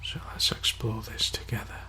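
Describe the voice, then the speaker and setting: A man leading an ASMR guided meditation in a hushed, soothing, half-whispered voice with long pauses.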